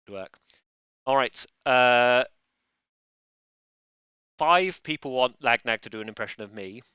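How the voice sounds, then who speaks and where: Bright, crisp-voiced male quiz host. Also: mid-range voice, measured pace, no room sound. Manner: chatty, playful, bumbling with restarts. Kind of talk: live-streamed quiz hosting.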